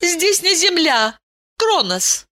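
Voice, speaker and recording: A woman putting on a very high stern princess voice, ancient and regal, slow and sing-song, storybook reading. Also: very animated, bright, forceful tone, exaggerated voice. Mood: regal, tender.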